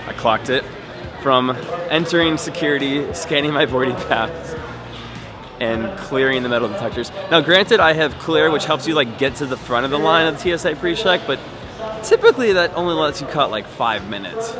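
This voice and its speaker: A man's voice: fairly high pitch, lively intonation, moderate pace. A man presenting a casual explainer vlog in a conversational, dryly wry way. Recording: music behind the voice. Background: music and airport bustle.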